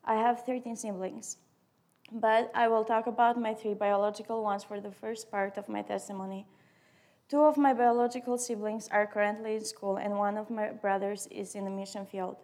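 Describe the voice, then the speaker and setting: A woman in her early twenties, a student and non-native English speaker with an Albanian accent, reads her personal testimony aloud. Her medium-pitched, darkish voice is flat in delivery and moves at a normal speed.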